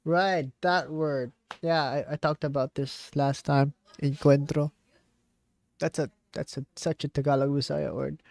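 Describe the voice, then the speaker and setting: A man's voice: fairly high pitch, steady tone, a little slow, vocal fry, darkish tone, no echo. Guy vlogging his spanish practice, unsure, pokes fun at himself, dry sound. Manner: hesitant, self-mocking, laughs at his slips. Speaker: language learner vlogger. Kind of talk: casual thinking aloud while studying.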